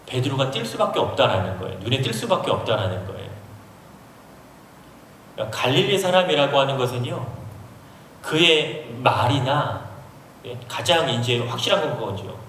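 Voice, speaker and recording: A Seoul pastor explains a passage and quizzes his listeners during a sermon in a large university auditorium. He speaks at medium pitch with a sing-song lilt, a moderate pace and long pauses, and his tone is a bit bright. The distant, echoey recording carries a little hiss or hum.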